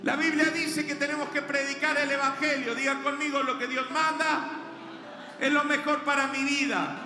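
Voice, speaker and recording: High, bright-voiced Rioplatense pastor preaching. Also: male voice, flat delivery, moderate pace. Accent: Rioplatense Spanish. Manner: call-and-response preaching, builds in intensity. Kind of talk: sermon. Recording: echoey hall with music behind.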